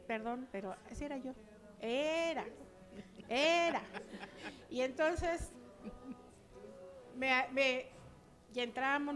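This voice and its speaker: An older woman giving a chatty personal testimony to her church, acting out remembered dialogue. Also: high voice.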